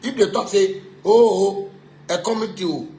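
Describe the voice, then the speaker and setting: A high, mellow male voice with a Ghanaian accent, a little slow, rails angrily in Pidgin and broken English. He confronts someone, repeats himself and throws insults, heard in an echoing room with noise in the background.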